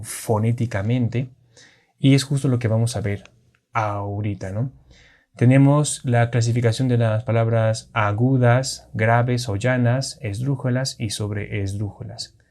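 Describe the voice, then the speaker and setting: A man's voice: mid-range voice, darkish tone. A man teaching a lesson on Spanish accentuation, explaining patiently and checking in with his listeners. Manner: patient, explanatory, with frequent restarts and check-ins. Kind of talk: classroom lesson on Spanish grammar.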